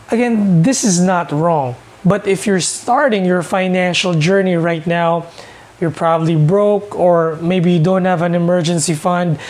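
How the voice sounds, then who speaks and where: A Filipino man in his thirties, a personal finance vlogger, talks earnestly to the camera in a mix of English and Tagalog, often checking in with "okay?" and gesturing with his hands. His voice is high-pitched with a darkish tone. He sits in front of a couch in a small indoor room.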